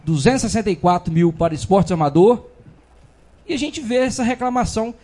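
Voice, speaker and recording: A man's voice: high voice, expressive, a little fast, mellow. A man giving an indignant speech as a city councilman in a council chamber, full of repeated fillers.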